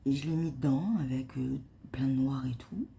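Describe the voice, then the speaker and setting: A woman whispering and speaking very softly in a hushed early-morning vlog, hesitant, with many fillers and restarts. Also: rumbling low, normal speed, gravelly, slight background noise. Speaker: vlogger. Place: at home before dawn.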